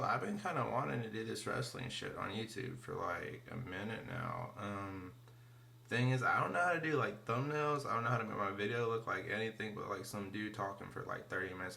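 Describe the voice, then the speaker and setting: A wrestling vlogger with a lowish, gravelly voice and a sharp edge rambles through a casual review. He's profane and slangy, packs in fillers, and often trails off into mumbles.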